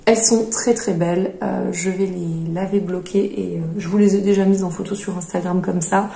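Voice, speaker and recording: A woman's voice: fairly low pitch, steady tone, moderate pace, gravelly, warm tone, a little hiss or hum. A woman hosting a knitting podcast, chatting casually as she shows her projects, with many fillers and hesitations. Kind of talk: casual show-and-tell chat. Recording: echoey room.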